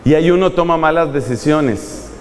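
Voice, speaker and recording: A man preaching a sermon in an animated, humorous way, acting out examples. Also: on the high side, moderate pace, big-room sound, a little hiss or hum, poor audio.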